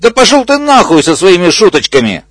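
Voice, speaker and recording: A man's voice: on the high side, sing-song, measured pace, no echo, studio quality, pitched above the performer's own voice. A man voicing a crude, pushy male hippo who curses and squeals insults in a raised voice.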